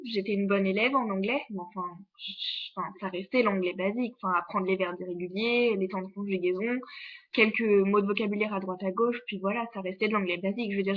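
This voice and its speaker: Chatty teenage girl, lo-fi vlog. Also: mid-range voice. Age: teens. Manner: chatty, many fillers and restarts. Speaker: exchange student vlogger. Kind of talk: casual vlog monologue.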